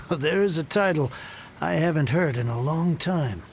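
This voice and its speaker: Grouchy older man, high-pitched and gravelly, melodramatic, theatrical game character, aggrieved book lover. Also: lively intonation, a little slow, a little hiss or hum. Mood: wistful, impressed. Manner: theatrical, irritable ranting. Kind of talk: video game voice acting.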